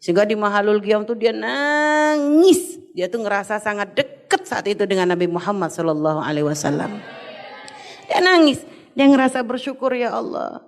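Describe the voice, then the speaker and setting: A middle-aged woman preacher tells a story in a sermon, expressive and gently addressing her listeners as children. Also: mid-range voice, normal speed.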